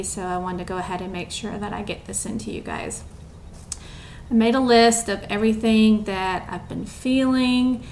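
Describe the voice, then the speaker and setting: A woman's voice: medium pitch, slight background noise. A young woman chatting casually to camera at home, rambling with lots of ums and a bit out of breath. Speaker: vlogger.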